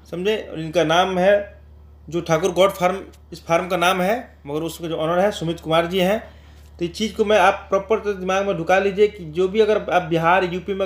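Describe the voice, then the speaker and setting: Speaking directly to his audience, a channel host with a voice that sits high gives a casual promotional voice-over, going over his points again and again.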